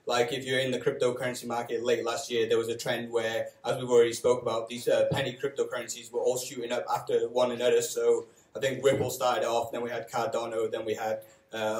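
A man speaking as a panelist, giving even, practical advice. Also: medium pitch. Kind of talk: live panel talk. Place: coworking space event room. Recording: echoey room.

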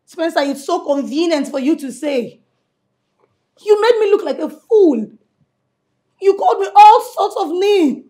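A woman playing a wronged woman, high and mellow, reproachful. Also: normal speed, hardly any pauses, natural voice. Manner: cold and reproachful. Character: hurt, wronged young woman rejecting her partner.

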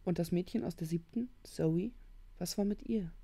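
A woman's voice: fairly low pitch, normal speed, mellow, breathy edge. A woman voicing a worried teenage boy who talks urgently and insistently in a storybook reading.

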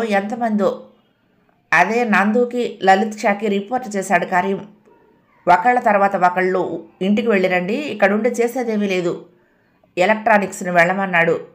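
A woman narrates a serialized audio novel in a calm, steady way, with a medium-pitched voice. Her reading is even and measured, moving the story along without hurry.

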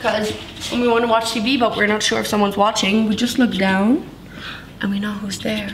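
A woman's voice: medium pitch, little pitch movement, normal speed. A young woman giving a casual, rambling tour of her bedroom and bathroom, filmed on a handheld camera as she walks around. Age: young adult. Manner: bubbly, rambling, lots of "like" and "so cool". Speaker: vlogger giving a house tour. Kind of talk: casual chat. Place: large tiled bedroom and bathroom indoors. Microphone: handheld camera, speaker moving around. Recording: echoey room with background noise.

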